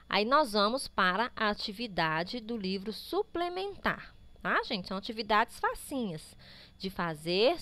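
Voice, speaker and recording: A woman's voice: on the high side, fairly bright tone, no room sound. A woman teaching young pupils with a Brazilian Portuguese accent, patiently walking through a workbook, drawing out words to sound out syllables and often checking in with the children. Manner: constant tag checks to pupils. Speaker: primary school teacher. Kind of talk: remote class walkthrough of a workbook.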